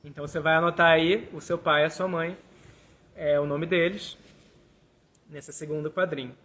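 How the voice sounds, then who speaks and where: A man's voice: a little high, fairly even intonation, normal speed, a bit bright. A man, a tarot teacher guiding a hands-on exercise step by step and checking in with listeners. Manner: talks through steps, tags lines with "né?". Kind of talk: explanatory class with a hands-on exercise.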